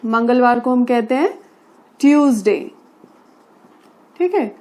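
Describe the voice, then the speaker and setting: A woman's voice: a little high, animated, mellow. A woman teaching English vocabulary in Hindi. She repeats each word patiently and spells it out letter by letter. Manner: slow, patient, spells words letter by letter and repeats "theek hai". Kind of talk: spoken English lesson in Hindi.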